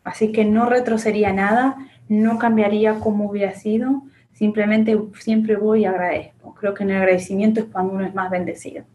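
An Argentine woman in her forties speaks earnestly and with self-assurance in an interview. Her Argentine Spanish accent is clear, and her answers are full of fillers and restarts. She is recorded on a webcam in a small office. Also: mid-range voice, little pitch movement, brisk, few pauses, warm tone, a little hiss or hum. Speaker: interview guest, accountant and business owner. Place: small indoor office with a framed picture.

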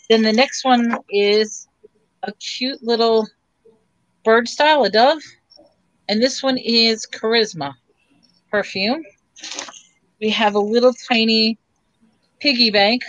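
A woman hosting a live online sale, talking items through in a loose, rambling way with plenty of ums and likes. Her voice sits a little high, and the sound is dry and close with no room around it. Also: fairly bright tone, no room sound, highs cut off. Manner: chatty, loose, with fillers and trailing phrases. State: throat tickling, coughing. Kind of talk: casual live-stream selling.

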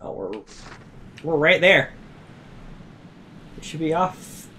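A man's voice: a little high, slow pace, bright, forceful tone, a little hiss or hum. A man chatting casually while playing a video game, with playful exclamations. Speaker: let's play gamer. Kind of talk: casual gameplay commentary.

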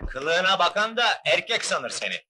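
An actor playing a mocking, contemptuous village bully in a film drama. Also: male voice, sits high, big pitch swings, unhurried, pushed and bright, slight background noise, full character voice. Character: sneering village bully, taunting and insulting a rival. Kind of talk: dubbed film drama acting.

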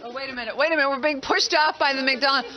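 A woman's voice: sits high, steady tone, very fast, sharp tone. A woman in her thirties, a TV field reporter talking live on location into a handheld microphone. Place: fast food restaurant.

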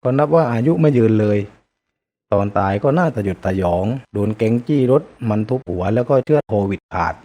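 A man tells a moral life story in a calm, measured way. His voice is warm and mellow, sitting at an ordinary middle pitch.

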